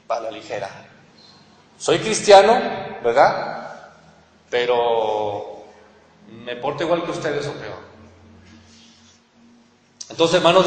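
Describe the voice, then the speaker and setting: A man with a Mexican accent preaching a sermon as pastor, earnestly asking his listeners rhetorical questions. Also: a little high. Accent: Mexican Spanish. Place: church hall. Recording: echoey church hall with long reverb.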